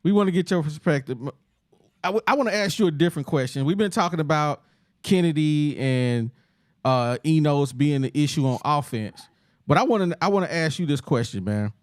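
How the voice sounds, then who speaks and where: A man with a slightly high voice and a very lively rise and fall hosts casual sports talk. His delivery is informal and familiar, and the sound is dry. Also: a little fast, no room sound. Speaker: podcast host.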